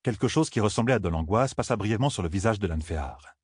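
A man reading a fantasy audiobook in a steady, grave, measured way. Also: fairly low pitch, husky, dry recording, studio quality. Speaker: audiobook narrator. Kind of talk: scripted fantasy narration.

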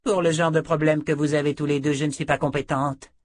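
A woman's voice: low-pitched, level tone, a little fast, no room sound, studio quality, pitched above the performer's own voice. A man reading aloud, voicing a curt and hostile sorceress in an audiobook. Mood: cold. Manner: curt, scornful. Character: cold, scornful sorceress woman, curt and hostile.

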